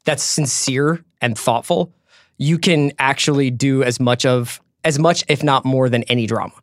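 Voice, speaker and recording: A man's voice: mid-range voice, normal speed, dry recording, clean studio sound. An American man speaking as a podcast host, with an informal, emphatic way of talking. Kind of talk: casual film and TV chat, host-read ads.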